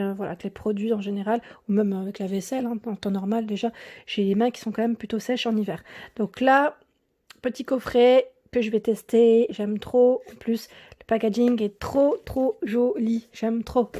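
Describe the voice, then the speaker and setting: A woman's voice: mid-range voice, dark tone. A young woman chatting casually to viewers, showing off her shopping haul, with many fillers, restarts and frequent laughs. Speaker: YouTube vlogger.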